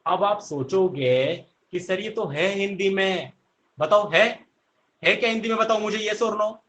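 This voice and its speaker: Male teacher, high bright voice, slow delivery, drills the class with repeated questions. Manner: answers his own questions. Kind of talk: online class lesson.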